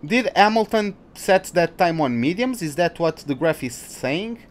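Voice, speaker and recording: Streaming a racing game live, this young man says hello to viewers and comments in non-native English with a Portuguese accent. His voice is a little high and lively, delivered unhurriedly. The talk wanders, full of hesitations, false starts, and fillers.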